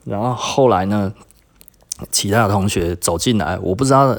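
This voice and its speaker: Man, low voice, Taiwanese Mandarin accent, podcast host, chatty animated storytelling, lots of sentence-end particles. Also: moderate pace. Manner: animated retelling with frequent sentence-final particles; rises in pitch and volume when indignant. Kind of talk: casual storytelling monologue.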